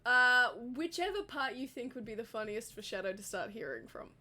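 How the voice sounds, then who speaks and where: Female game master, high-pitched voice, improvised tabletop role-play. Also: expressive, fairly quick, bright, forceful tone, slight background noise.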